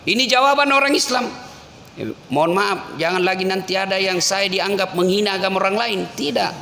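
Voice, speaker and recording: A man preaching a lively sermon, swinging between low storytelling and loud exclamations. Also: brisk, vocal fry. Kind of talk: lively sermon with acted quotes. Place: mosque or prayer hall. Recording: echoey hall with faint noise.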